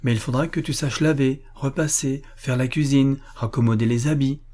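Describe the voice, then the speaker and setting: A stern but kind young tutor, voiced by a male reader in a storybook reading. He corrects with firm patience, his tone dark and husky. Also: medium pitch, steady tone, normal speed, voice pushed up, lightly acted.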